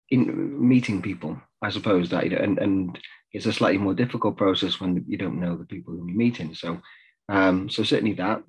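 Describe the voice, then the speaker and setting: A low, breathy male voice comes through with poor audio from a webcam in a home room. It belongs to a middle-aged South African therapist who speaks hesitantly, using many fillers, during a reflective group discussion on a video call.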